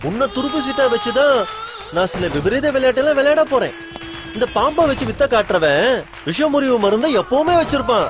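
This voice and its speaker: A man's voice: extremely high pitch, animated, fairly quick. An actor playing a scheming, taunting male kidnapper in a TV serial who laughs often and mixes in English words, with music behind. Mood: gloating. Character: mocking male kidnapper villain, scheming and gloating. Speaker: villain in a TV serial. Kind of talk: TV serial acting.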